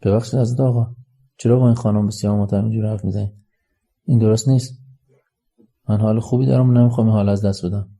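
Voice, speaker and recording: A man voicing a lovesick, impulsive young man who declares his feelings loudly, read in an audiobook story. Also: on the low side, fairly even intonation, vocal fry, long pauses. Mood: earnest. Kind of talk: audiobook character reading.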